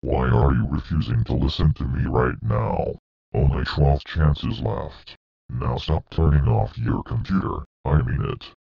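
A man's voice: unhurried, creaky, breathy edge, lo-fi sound, faint music behind, exaggerated voice. A synthetic male voice playing a menacing stick-figure computer demon with a robotic tone. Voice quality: deep robotic demonic text-to-speech voice. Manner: flat threatening ultimatums.

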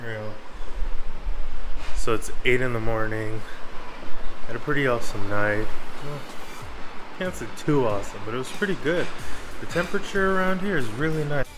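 A man's voice: mid-range voice, moderate pace, long pauses, music in the background, low-quality recording. A man narrating a casual travel vlog, talking informally and directly to his viewers. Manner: informal, addresses viewers as guys and y'all. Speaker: travel vlogger.

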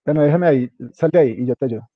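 This instructor races along in a somewhat high voice as he casually coaches a student, step by step, through setting up a web page. He spells out even small details. The recording is muffled, with no echo.

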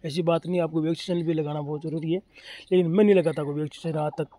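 A racing, slightly high voice with a dark tone and fairly even intonation comes from a Rajasthani poultry farmer filming an informal explainer outdoors. He speaks plainly and repetitively right to his audience as chickens cluck and faint noise hums.

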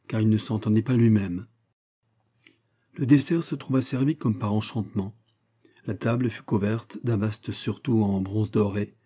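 A man narrating a classic novel as an audiobook, measured and expressive. His voice sits low, with a dark, mellow tone. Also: husky. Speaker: audiobook reader.

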